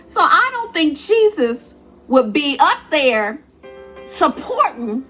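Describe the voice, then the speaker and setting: A woman's voice: high voice, big pitch swings, slow pace, fairly bright tone, soft background music. A woman, a church singer, telling her personal testimony in an earnest, conversational and emphatic way.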